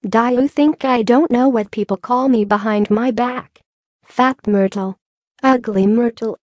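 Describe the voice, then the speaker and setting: A woman's voice: fairly high pitch, a little slow, a little mellow, no echo, studio quality, close to an everyday voice. A woman narrator voicing a gloomy, sulky ghost girl in a tearful manner.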